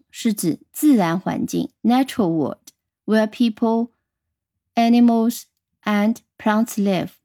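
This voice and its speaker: A woman giving a radio vocabulary lesson, pronouncing words slowly and carefully and spelling them out letter by letter. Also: on the high side, dark tone, no echo, studio quality. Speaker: English vocabulary teacher.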